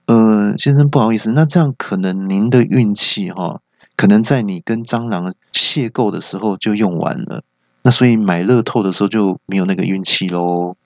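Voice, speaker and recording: A man voicing a quick-witted, cheeky young female waitress who speaks in a high, sweet, polite way. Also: no room sound, close to an everyday voice.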